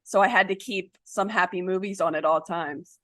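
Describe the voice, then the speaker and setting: A woman's voice: fairly low pitch, moderate pace, fairly bright tone, no echo. A woman with a Southern US accent and a slight lisp, co-hosting a casual podcast chat. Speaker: podcast co-host.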